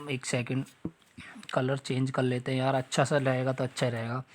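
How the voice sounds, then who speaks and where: A man's voice: medium pitch, monotone, normal speed, slight background noise. A man teaching a Hindi grammar lesson for exam prep. He talks straight to his students, repeats the example sentences and checks that they follow.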